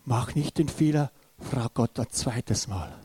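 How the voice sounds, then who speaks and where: A man's voice: mid-range voice, a little slow, mellow, breathy edge. A man preaching a sermon who retells a story with many fillers and restarts, then speaks to his listeners directly. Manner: addresses listeners directly and urgently.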